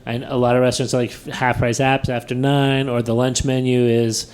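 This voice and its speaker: A man's voice: medium pitch, flat delivery, brisk, darkish tone, clean tone. A man hosting a tech podcast in casual chat, thinking aloud with many fillers and restarts, laughing easily. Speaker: podcast host.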